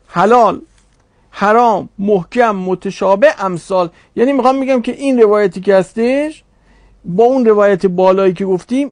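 High, gravelly-voiced male teacher. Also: dry recording, clean studio sound. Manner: reasoning aloud, poses rhetorical questions. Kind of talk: religious studies lecture.

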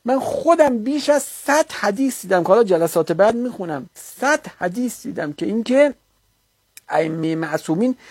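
A man's voice: high voice, lively intonation, a little mellow, slightly rough, dry recording. A man giving a religious lecture, arguing his case and rebutting an opponent with mounting insistence. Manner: argumentative, rising to heated rebuttal.

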